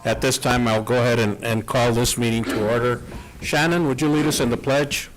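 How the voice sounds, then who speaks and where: A man's voice: medium pitch, steady tone, brisk, noisy background. A man chairing a county board meeting, procedural but joking with the room.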